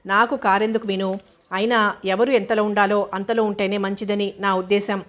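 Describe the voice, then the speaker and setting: A woman's voice: mid-range voice, level tone, a little fast, natural voice. Woman reading as a playful young newlywed husband. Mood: teasing. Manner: teasing and fond. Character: young man, a playful affectionate newlywed doctor.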